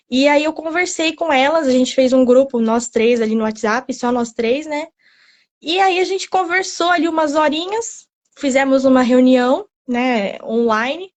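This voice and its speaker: A young woman in her twenties, an author being interviewed, telling her story in a chatty, animated way and often quoting her own thoughts. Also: sits high. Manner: chatty, animated, tells the story with quoted self-talk and frequent "né?".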